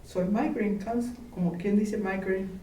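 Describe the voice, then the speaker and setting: A woman from Mexico, slowly and gently reminiscing in an interview. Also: medium pitch, steady tone. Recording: roomy, distant, faint background noise.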